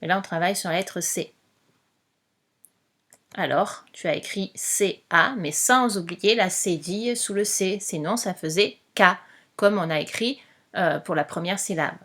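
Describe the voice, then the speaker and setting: A woman teacher giving a slow spelling dictation, patiently spelling out letters one by one. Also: fairly low pitch, a bit bright.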